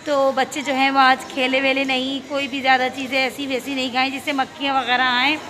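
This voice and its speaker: A young woman, a schoolteacher, vlogging casually on a phone as she walks around a school, chatting and gently coaxing a child with questions. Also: sits high, monotone, a little fast. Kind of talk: casual vlog chat. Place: school grounds and corridors. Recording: loud crowd and ambient noise. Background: children playing and chatter.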